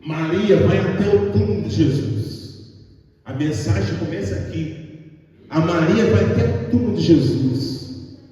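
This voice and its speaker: A man's voice: high-pitched, warm tone. A man with a Brazilian Portuguese accent preaching a fervent evangelical sermon, repeatedly calling out to the congregation. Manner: fervent, repetitive, calls out to the congregation. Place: church hall. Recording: echoey hall, mic far off.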